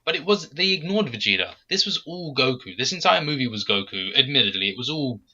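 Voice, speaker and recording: A man hosting a casual fan podcast, talking in an animated, critical way and jumping high when he acts out quotes. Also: a little fast, husky, muffled recording. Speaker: podcast host.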